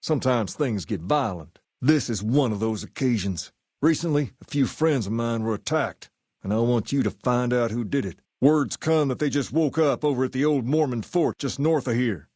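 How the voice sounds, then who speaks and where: Man acting as self-assured gang leader, rock-and-roll king type, mid-pitched male voice, folksy phrasing, measured, easygoing, video game dialogue, dry studio sound. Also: a little mellow, no room sound, close to an everyday voice. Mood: businesslike, confiding. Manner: folksy, colloquial, measured delivery. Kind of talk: scripted game character dialogue.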